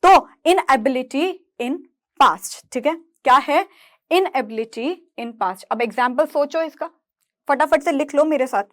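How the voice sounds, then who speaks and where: High-voiced woman teaching grammar. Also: lively intonation, takes it slowly. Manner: explains step by step and asks checking questions. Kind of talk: grammar lesson.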